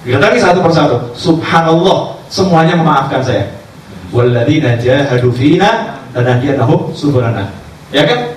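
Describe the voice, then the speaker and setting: Animated male preacher, echoey and distant. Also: fairly high pitch, moderate pace. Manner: animated storyteller acting out dialogue. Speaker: religious teacher. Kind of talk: sermon storytelling. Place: cafe gathering. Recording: echoey distant room recording, faint background noise.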